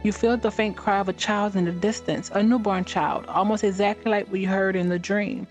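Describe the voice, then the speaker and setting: A woman reading a fantasy game's text aloud during a let's play, with halting restarts and short reactions of her own. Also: medium pitch, faint music behind.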